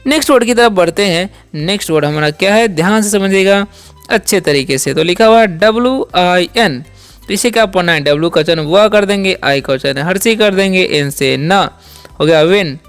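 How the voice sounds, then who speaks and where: A man's voice: high-pitched, expressive, brisk, smooth, soft background music. A man teaching English words as the host of a lesson channel. He speaks patiently, asks questions and answers them himself, and says "theek hai" often. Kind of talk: spoken language lesson.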